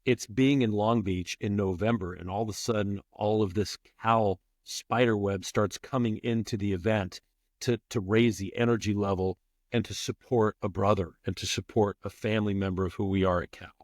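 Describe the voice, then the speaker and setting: A former public address announcer, middle-aged, speaks as a podcast guest in a fairly low voice, moderately paced and fairly even in intonation. The audio is studio quality without echo, and his spirited conversational interview is emphatic, with phrases repeated for stress.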